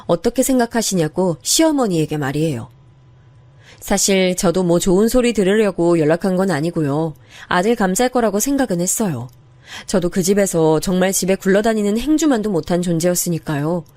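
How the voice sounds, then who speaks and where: A woman's voice: on the low side, animated, a little fast, mellow, no room sound. A woman narrating a first-person story in an earnest, confiding way. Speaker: narrator of a true-story drama.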